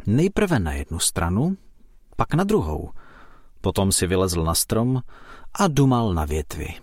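A man reading a children's story aloud with expressive, lively storytelling. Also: on the low side, no room sound, clean studio sound.

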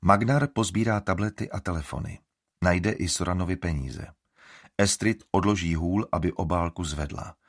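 Husky creaky male audiobook narrator. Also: low-pitched, dry recording, clean studio sound. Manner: expressive storytelling. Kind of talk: scripted narration.

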